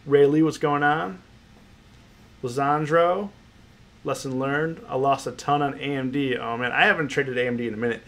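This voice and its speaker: Running an options trading livestream, a man with a stuffy, nasal cold voice reads the chat and greets people by name in loose, rambling commentary with repeated phrases. He speaks at normal speed with a medium pitch and a steady, fairly bright tone.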